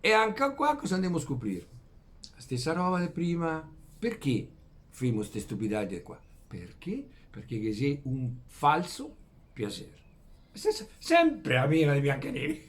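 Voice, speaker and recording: Animated man speaking Venetian dialect. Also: fairly high pitch. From Veneto, Italy. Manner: halting, repeats words, rhetorical questions to listeners. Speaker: vlogger. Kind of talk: rambling homespun philosophy talk in dialect. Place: outdoors among flowers in early morning.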